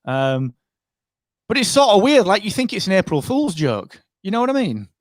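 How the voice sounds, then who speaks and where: A man co-hosting a fan podcast in loose, joking banter. His voice swings widely in pitch as he riffs. The sound is dry and close to the mic. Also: normal speed, no room sound. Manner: animated, joking banter with frequent fillers. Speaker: podcast co-host. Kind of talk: casual chat.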